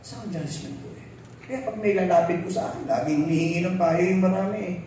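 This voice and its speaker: A Filipino pastor preaches a sermon in Tagalog mixed with English, acting out the people in his stories. His voice is high, a little fast, and dark in tone, picked up by a distant mic in a very echoey hall with a little hiss or hum.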